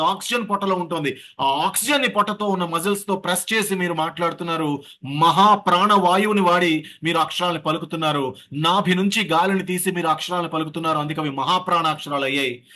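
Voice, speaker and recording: A man teaching an online voice class, leading the group through breathing and syllable drills. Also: on the high side. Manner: lively, leads breathing and sound drills. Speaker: voice coach. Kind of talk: online voice workshop lecture. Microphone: video call.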